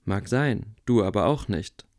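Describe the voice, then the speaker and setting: A man reading aloud, voicing a calm, wry blind boy wizard who speaks quietly. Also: lowish voice, measured pace, lightly acted. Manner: quiet, level.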